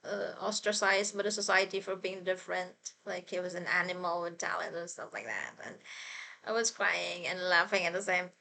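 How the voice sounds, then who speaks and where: Woman vlogging, kinda low voice, rambly casual fan talk, expressive. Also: normal speed, gravelly. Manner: expressive, informal storytelling.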